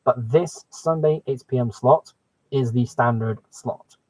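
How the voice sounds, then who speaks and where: With a mid-range, darkish voice at a measured pace, a man hosts a casual hobby live stream and chats enthusiastically to viewers, often exclaiming. The sound is muffled, dry and close-miked, with no room sound.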